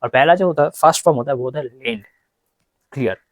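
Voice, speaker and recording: A man teaching a grammar lesson, explaining in Hindi and reading examples slowly. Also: medium pitch, no room sound. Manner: explains in Hindi, reads English examples slowly and repeats words. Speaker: English teacher.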